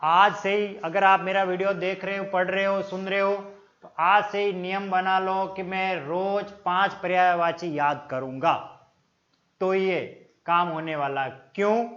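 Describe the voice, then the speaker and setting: High-voiced man teaching Hindi grammar. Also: steady tone, a bit bright. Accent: Rajasthani Hindi. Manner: explains slowly, repeats words and stresses pronunciation; addresses viewers as friends. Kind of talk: exam-prep Hindi grammar lesson. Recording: dull lo-fi sound.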